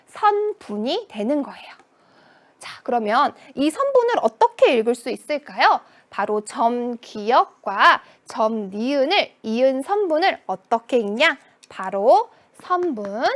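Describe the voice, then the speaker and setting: A woman teaching a children's math lesson, asking questions and answering them in a playful voice. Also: high-pitched. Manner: sing-song, questions and answers to herself.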